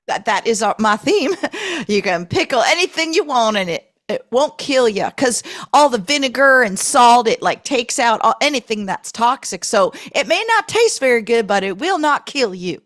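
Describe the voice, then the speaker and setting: A woman's voice: a little high, very animated, moderate pace, fairly bright tone. A woman improvising a rambling guest who brags about pickling in a put-on Texas accent. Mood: folksy boasting. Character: boastful fake-Texan woman pickling expert. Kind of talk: improvised comedy podcast interview.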